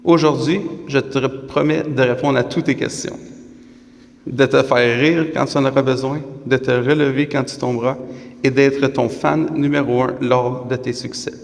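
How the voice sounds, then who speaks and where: A man with a gravelly, creaky voice recites wedding vows. His pitch is average for a man. The sound rings with the long reverb of a hall. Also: steady tone, moderate pace. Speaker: groom. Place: wedding ceremony.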